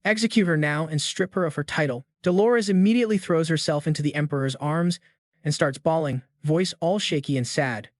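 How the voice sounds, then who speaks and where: A man's voice: fairly high pitch, a little fast, dry recording, studio quality. A man narrating a comic story recap in a slangy, jokey scripted manner.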